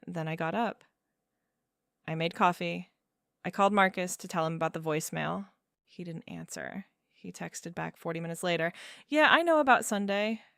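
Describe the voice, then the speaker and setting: A woman in her thirties narrating a first-person story in a measured, wry way. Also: lowish voice, level tone, creaky, a bit bright, smooth, no room sound, clean studio sound. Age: 30s. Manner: measured, wry, with fillers and small laughs.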